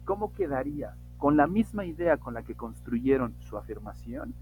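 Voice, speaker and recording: A man teaching English in an online class, slowly and emphatically modeling example sentences. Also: mid-range voice, big pitch swings, phone-quality sound, faint music behind.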